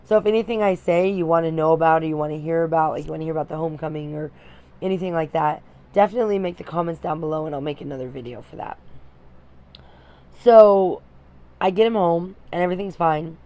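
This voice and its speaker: A young woman vlogger with a deep, dark-toned voice tells her viewers a personal story. She's candid and emotional, often pausing and restarting her sentences.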